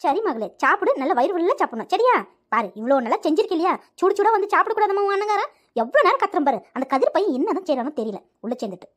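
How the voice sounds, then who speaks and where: Lady voicing a nagging cartoon mom, very high and super fast. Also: very animated. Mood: scolding. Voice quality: shrill, fast scolding. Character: scolding middle-aged village mother. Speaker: cartoon voice actor.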